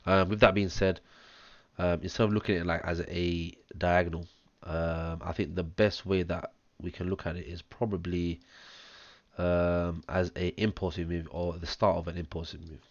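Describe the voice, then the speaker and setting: Brief: hoarse, low-pitched man, chesty cough, monotone chart walkthrough full of ums, close dull lo-fi mic. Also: normal speed, no echo. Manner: talks step by step through wave counts, many ums. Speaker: trading analyst. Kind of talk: screen-share chart analysis. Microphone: close mic, audible breathing.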